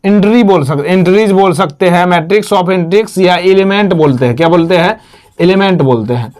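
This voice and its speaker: A man with a high, darkish voice teaches math at normal speed. He keeps repeating each term, quizzing himself with questions and supplying the answers.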